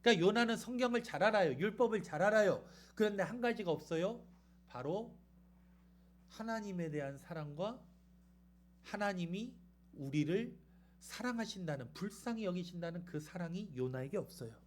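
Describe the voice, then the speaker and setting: A man preaching a sermon in a church, retelling the story in a lively way and putting questions to the congregation. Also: sits high, moderate pace, slight background noise. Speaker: pastor.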